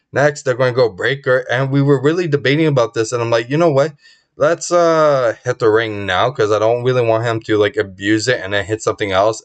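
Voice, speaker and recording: A man's voice: on the low side, clean tone. Man narrating card game plays, voice going. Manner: upbeat, recaps each move with quick verdicts. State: losing his voice. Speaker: channel host. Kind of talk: play-by-play card game commentary.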